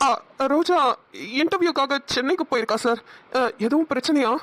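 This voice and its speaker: A woman with a Namakkal Tamil accent voicing a flustered, hot-tempered older brother in a cartoon, stammering and shouting. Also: high-pitched, a little fast, natural voice. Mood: anxious. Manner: flustered, stammering then explosive. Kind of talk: cartoon voice acting.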